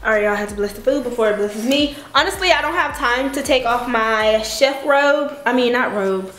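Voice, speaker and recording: A woman's voice: fairly high pitch, moderate pace, fairly bright tone, reverberant, faint music behind. A young Texan woman vlogging in her kitchen, chatty and casual, swearing freely and saying y'all. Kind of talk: casual vlog chat. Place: home kitchen.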